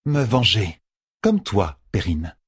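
A man's voice: fairly low pitch, huge pitch swings, slow, husky, no echo, studio quality, exaggerated voice. A man voicing a haughty, scheming woman sorceress who speaks arrogantly and possessively in an audiobook. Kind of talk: audiobook character voice.

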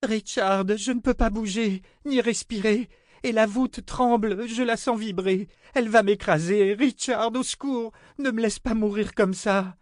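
A woman's voice: fairly high pitch, a little slow, a little mellow, dry recording, clean studio sound, voice pushed up, natural voice. A man voicing a terrified young woman trapped in a narrow rock passage, pleading in panic in a storybook reading. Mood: panicked pleading.

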